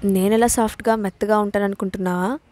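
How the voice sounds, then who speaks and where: A woman's voice: mid-range voice, steady tone, quick pace, a little mellow, soft background music, natural voice. A woman voicing a sarcastic, irritable young husband in a storybook reading, speaking in short, curt replies. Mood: curt, irritated.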